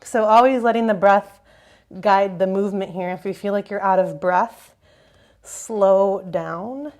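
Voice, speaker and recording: A woman's voice: mid-range voice, a little slow, darkish tone. Woman leading a yoga flow, easygoing, talks you through each breath. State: slightly out of breath at times. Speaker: yoga teacher. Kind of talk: guided yoga class instruction.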